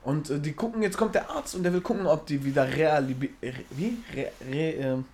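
A man's voice: fairly high pitch, a little fast, darkish tone, slight background noise. A young man in casual chat, telling jokes in slangy street talk and often breaking into laughter.

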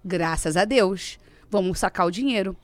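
A young Brazilian woman telling a story in casual chat as a guest, animated and laughing often. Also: medium pitch, moderate pace, dry recording.

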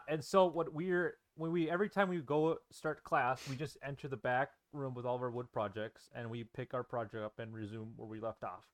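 A man's voice: mid-range voice, fairly bright tone. Hesitant young man recounting a story. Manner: hesitant, many fillers. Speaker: podcast co-host. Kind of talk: casual chat.

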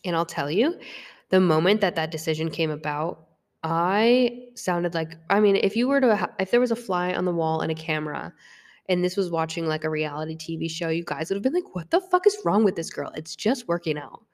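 Woman, young adult, low voice, frank, swears, reverberant room. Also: a little fast. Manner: frank and confessional, swears freely, restarts often. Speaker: fitness coach. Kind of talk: candid personal monologue.

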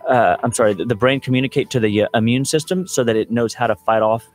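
A man's voice: medium pitch, fast. A man in his thirties, a doctor guest on a radio show, explaining remedies in a chatty, laughing way. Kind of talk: casual radio chat.

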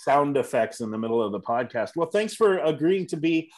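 A man's voice: on the high side, brisk, crowd noise, low-quality recording. Chatty male podcast host. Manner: relaxed, chatty, with fillers. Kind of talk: casual podcast chat.

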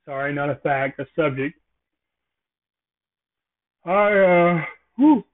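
Slow, rambling man on a tinny line. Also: on the high side. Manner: rambling, jokey observational musings. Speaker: podcast host. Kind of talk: casual solo podcast monologue. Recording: tinny phone-like sound.

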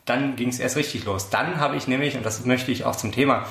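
A young man co-hosts a late-night chat show from a friend's flat, and his voice echoes in the roomy space. He rambles with dry, deadpan irony and often restarts his sentences, at an ordinary middle pitch. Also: a little fast. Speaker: podcast co-host. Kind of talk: casual chat. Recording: roomy room sound.

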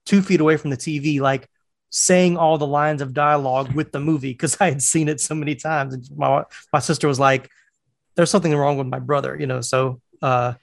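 A man's voice: fairly high pitch, steady tone, fairly quick, creaky, dry recording, studio quality. A man in his forties from North Carolina, chatty in casual podcast talk, who laughs easily. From North Carolina, USA. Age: 40s.

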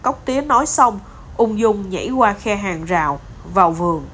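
A woman storyteller reading a children's story aloud in an expressive, animated way. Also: medium pitch, moderate pace, heavy background noise.

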